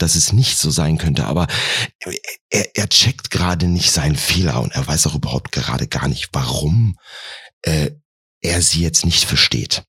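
A man tells a comic story in a wry tone and slips into the characters' voices. His voice is very low and strongly husky. The recording is dry and close, with no room around it. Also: a bit bright, dry recording. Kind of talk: comedic storytelling.

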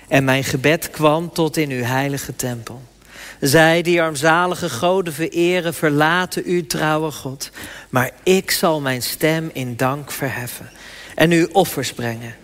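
A man, a pastor, speaking in church, explaining informally with some hesitation, then reading scripture and performing spoken-word poetry. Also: mid-range voice.

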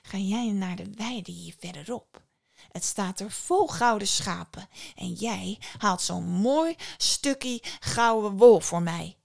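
Storybook casting: a woman doing a scornful goddess, slow and mocking, with a gravelly edge. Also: medium pitch. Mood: slurring. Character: haughty tipsy goddess, female, sharp-tongued.

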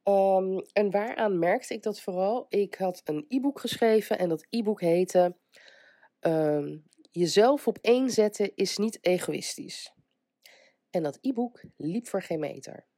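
A woman's voice: medium pitch, measured pace, mellow, no echo, clean studio sound. A woman hosting a casual motivational podcast, chatty and hesitant. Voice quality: congested voice from a cold. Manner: chatty, hesitant, breaks into small laughs. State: getting over illness, stuffed up with a cold. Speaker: podcast host.

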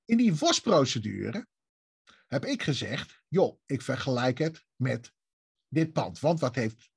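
A man's voice: mid-range voice, very animated, creaky, slightly rough, no room sound, studio quality. Levendige Nederlandse man, wat schorre stem. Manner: halting, repeats words and asks himself rhetorical questions. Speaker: guest telling about a local government dispute. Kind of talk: animated conversational storytelling with acted-out dialogue.

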